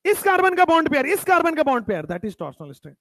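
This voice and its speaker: High-voiced, lively male chemistry teacher. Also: fairly quick, dry recording. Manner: emphatic, repeats key terms, drops pitch at definitions. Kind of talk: classroom lecture.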